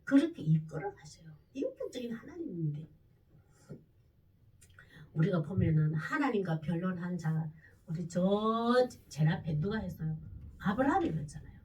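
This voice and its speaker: A woman pastor delivering a sermon, preaching with sudden loud, emphatic bursts. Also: fairly low pitch, very animated, moderate pace, distant mic, low-quality recording.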